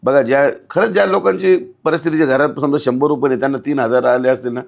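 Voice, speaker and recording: Fast and gravelly, this man's medium-pitched voice keeps a steady tone as he speaks as a guest in a conversational podcast interview. Commenting on local civic issues, he sounds blunt and indignant, scolding and asking many rhetorical questions.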